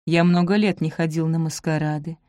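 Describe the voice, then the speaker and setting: Female reader as a wounded young nobleman: low, hushed, icy, dry close sound. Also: steady tone, brisk, no echo, lightly acted. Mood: cold, quiet. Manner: quiet and cold, flaring into shouts. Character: young gentleman, hurt and coldly angry.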